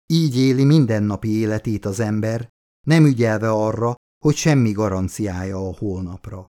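A man reading a literary novel aloud as an audiobook, with measured, expressive first-person narration. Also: fairly low pitch.

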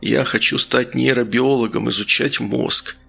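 A man's voice: medium pitch, fairly even intonation, a little slow, vocal fry, bright, forceful tone, husky, faint music behind, exaggerated voice. A man voicing a playful young man who teases and drawls about his hobby. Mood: teasing. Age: young adult.

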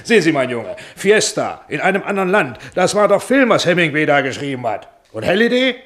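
In radio drama acting, a male voice plays a self-important, jovial middle-aged film studio boss. He sounds pompous, patronizing and self-satisfied, speaking a little fast with a slightly high, somewhat bright voice and big swings in pitch.

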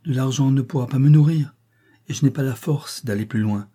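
A man's voice: medium pitch, fairly quick, warm tone, breathy edge, pitched above the performer's own voice, natural voice. A man voicing a starving young woman who pleads desperately at a door, read from a storybook. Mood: pleading.

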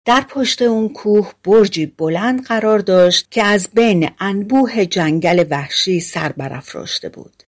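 Audiobook narrator: a woman reading fairy tales, calm and measured. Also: medium pitch. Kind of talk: scripted fairy-tale narration.

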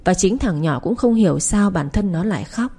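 A woman narrating a story in a steady, even way. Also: fairly low pitch, normal speed, slightly rough.

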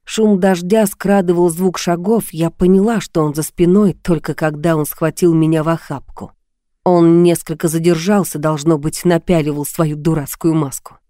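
Mellow woman reading a dramatic audiobook. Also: on the low side, fairly even intonation, moderate pace, no room sound, studio quality. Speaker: audiobook reader. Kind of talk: first-person audiobook narration.

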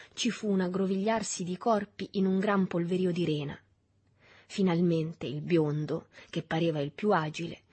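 A woman reading a literary novel aloud in a measured, even storytelling manner. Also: on the low side, husky. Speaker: audiobook reader. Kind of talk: literary audiobook narration.

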